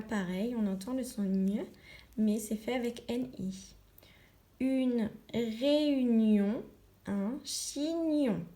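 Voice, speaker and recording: A woman teaching a reading lesson and dictation to young children, articulating each word slowly and with stress. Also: on the high side, a little mellow, reverberant. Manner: slow, carefully articulated, stresses each syllable. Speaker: primary school teacher.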